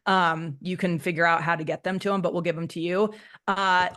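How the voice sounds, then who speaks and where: A woman's voice: lowish voice, a little fast. A woman marketing coach talking casually through a screen share, explaining with lots of "um"s. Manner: relaxed, filler-heavy explaining.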